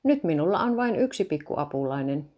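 A woman reading a patient father of two small children, with a gently coaxing manner. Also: low-pitched, very animated.

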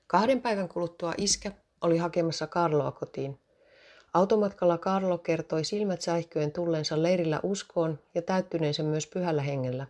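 Woman storyteller, low mellow voice, steady scripted read. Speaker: narrator.

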